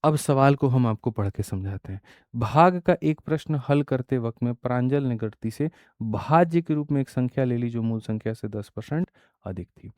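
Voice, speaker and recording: Warm-voiced male maths teacher. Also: mid-range voice, expressive, normal speed, no room sound. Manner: asks rhetorical questions and answers them himself; keeps calling students "my brother". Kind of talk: exam-prep maths lesson.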